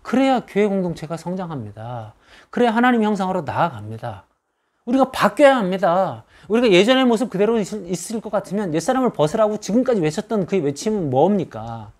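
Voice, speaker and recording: Guy preaching a sermon, pastor, really animated voice, hammers points with repeated lines. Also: high voice, fairly quick. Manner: emphatic, repeats key phrases in rising lists.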